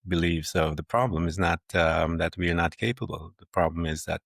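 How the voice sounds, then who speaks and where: Middle-aged guy hosting a podcast interview, super low gravelly voice, slow thoughtful formal way of asking stuff. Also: fairly bright tone, no room sound, clean studio sound. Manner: measured, reflective, slightly formal phrasing. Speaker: podcast host. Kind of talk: interview conversation.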